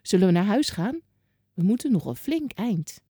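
Storybook part: practical, kind young father, read by a woman, mellow dry tone. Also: medium pitch, big pitch swings, moderate pace, slightly rough, no room sound. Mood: friendly. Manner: plain, friendly, matter-of-fact. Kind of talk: children's Bible story reading.

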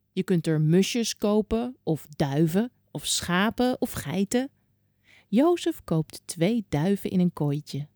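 Storyteller: woman, very expressive melody, dry close sound, child-directed. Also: medium pitch, no room sound. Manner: warm, clear, child-directed. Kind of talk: children's Bible story narration.

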